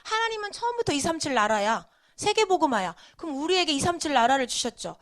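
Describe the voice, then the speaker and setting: A woman's voice: sits high, sing-song, fast. A woman preaching a children's sermon, telling a Bible story and quizzing the children with frequent questions.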